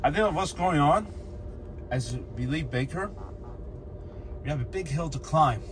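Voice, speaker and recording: Filming a road-trip vlog from behind the wheel, this man speaks in a fairly high, expressive voice, a little on the slow side. His driving commentary is relaxed and musing, sprinkled with little fillers, and car road noise runs through the recording.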